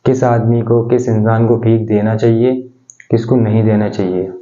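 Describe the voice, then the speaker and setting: A man with a low, mellow and very flat voice opens a channel video in a slow, measured way. The sound is dull and lo-fi. He speaks like a host reading out the day's topic. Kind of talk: video intro.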